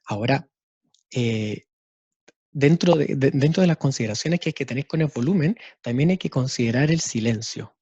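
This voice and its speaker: A man's voice: medium pitch, expressive, normal speed, a little mellow, breathy edge, no echo, lo-fi sound. A male special education teacher with a Chilean accent, giving an explanatory lecture on storytelling and often checking in with tag questions. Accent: Chilean Spanish.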